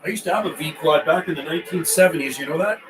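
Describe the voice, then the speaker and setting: A fast-talking older man with a fairly high pitch works as a CB radio operator on a livestream, calling out and chatting in a relaxed, folksy style. He keeps returning to the same radio phrases. The sound is roomy from a distant mic, with faint noise.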